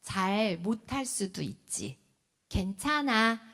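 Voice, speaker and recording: A woman's voice: medium pitch, slow pace. A woman in her forties giving a lecture on parenting at a church, acting out what children and parents say. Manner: animated, acts out children's and parents' lines.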